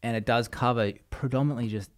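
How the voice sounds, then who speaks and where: A man's voice: medium pitch, fast. An Australian man chatting casually as a podcast guest, telling stories in a rambling way with many restarts. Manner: rambling, restarts, lively storytelling. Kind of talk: casual chat.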